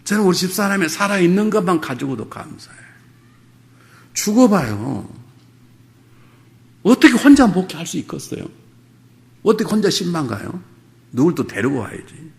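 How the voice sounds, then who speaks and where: A man's voice: high voice, sing-song, normal speed, creaky, pauses often. A middle-aged male pastor preaching a revival sermon, moving between humorous storytelling and fervent exhortation.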